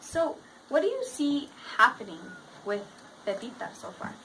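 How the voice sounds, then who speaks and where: Faint classroom background noise accompanies a low-quality recording of a woman teaching. Her fairly high voice is sing-song, unhurried and a bit bright as she reads aloud expressively and puts questions to her pupils.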